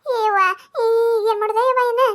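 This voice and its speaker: A woman's voice: very high-pitched, steady tone, normal speed, a bit bright. A woman with a North Karnataka accent voicing a grumbling, nagging village mother-in-law in a cartoon comedy. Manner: grumbling, nagging, talking to herself.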